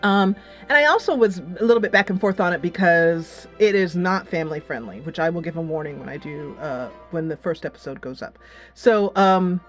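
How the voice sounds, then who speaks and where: This female gaming host has a fairly low voice with lively intonation and a moderate pace. She rambles casually through a game review and talk of an upcoming series, adding dramatic rhetorical flourishes, as music plays.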